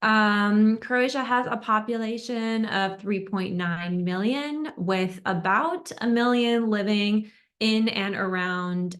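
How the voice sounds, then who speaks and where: Presenting a webinar on a video call from a room at home, a young American tour destination expert speaks in a friendly way full of ums and uhs. Her voice is mid-range and a bit bright.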